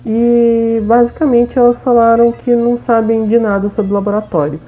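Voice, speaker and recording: A gaming video host with a Brazilian accent narrates a casual let's play recap, often checking in with her listeners. Her voice is a little high, with fairly even intonation and a normal pace, recorded as dull lo-fi voice-over.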